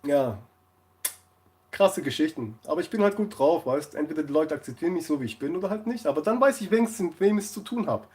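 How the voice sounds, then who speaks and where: A man's voice: a little high, lively intonation, fast talker, a little mellow. A man chatting casually on a live stream, rambling through anecdotes and laughing often.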